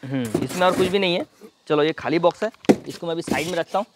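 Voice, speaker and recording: Fast-talking man demoing a machine. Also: fairly high pitch, heavy background noise. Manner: rapid, hands-on explaining while demonstrating. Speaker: product reviewer. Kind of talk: casual product demo and review.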